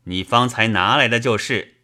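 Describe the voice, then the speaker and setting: A man's voice: medium pitch, moderate pace, bright, forceful tone. A man doing an impatient messenger officer. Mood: angry.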